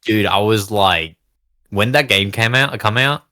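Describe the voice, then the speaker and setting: A young man in his twenties chatting as a podcast co-host. His voice is bright and forceful, and he keeps joking, swearing and slipping into silly voices. The sound is dry and close. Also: on the low side, unhurried, dry recording. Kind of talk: casual chat.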